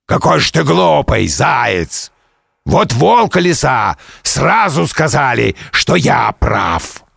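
A man voicing a hungry, treacherous male tiger in a storybook reading, with a gravelly growl and a slow menacing drawl. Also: medium pitch, big pitch swings, fairly bright tone, dry recording, clean studio sound, pitched below the performer's own voice, heavily acted. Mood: grumbling.

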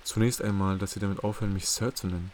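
A man voicing a cold, raspy older woman who directs an intelligence office, speaking in a low, cool, clipped way. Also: flat delivery, fast talker, a little mellow, a little hiss or hum, close to an everyday voice. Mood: icy.

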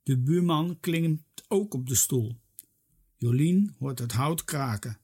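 In an unhurried, husky voice of mid-range pitch, a narrator brings a children's story to life with lively expression.

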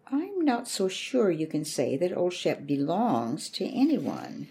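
Low-voiced, mellow read of a calm country doctor father, read by a woman. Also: gravelly, a little hiss or hum, heavily acted. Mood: gentle. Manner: calm, measured and gentle.

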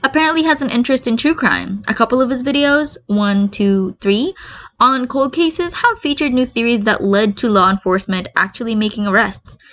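In a slightly muffled, lo-fi recording, a woman narrates fan fiction expressively in an amateur style. She speaks a bit brightly, on the high side, at a moderate pace.

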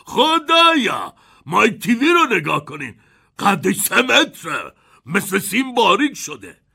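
A man doing a raspy, fretful old grandpa. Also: sits high, wildly swooping pitch, sharp tone, voice pushed up, full character voice.

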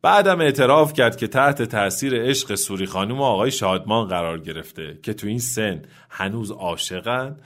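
A man's voice: on the low side, animated, a bit bright. A man hosting a show, telling a humorous story in a conversational way. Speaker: host and storyteller. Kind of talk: narrated storytelling.

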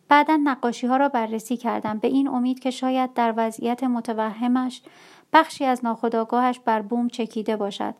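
Brief: female storyteller, somber audiobook narration, measured, a bit high. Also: darkish tone.

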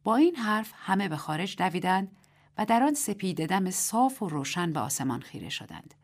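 A woman reading a literary short story aloud as narrator and host, in a measured, dramatic reading. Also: medium pitch, very animated.

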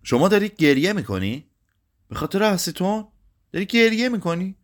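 A man's voice: medium pitch, expressive, a bit bright, natural voice. A man voicing a brusque, incredulous pharmacist in a read-aloud story, speaking in a curt way. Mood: baffled. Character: brusque male pharmacist, gruff then baffled.

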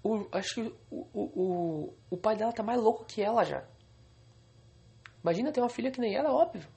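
A man's voice: sits high, lively intonation, a little fast, gravelly, warm tone. A young man venting angrily and swearing on a solo podcast recorded alone at home.

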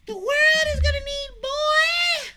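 Boy, a squeaky boastful chipmunk. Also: takes it slowly. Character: brash young male chipmunk, wannabe spy. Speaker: chipmunk character. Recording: loud background noise.

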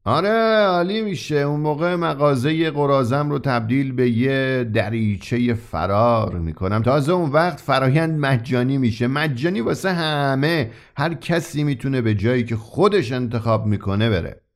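A man's voice: mid-range voice, lively intonation, darkish tone, natural voice. A man voicing a mysterious, grinning old shopkeeper who sells his wonders with eager, confiding persuasion in a read-aloud story. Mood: excited. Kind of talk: audiobook character reading.

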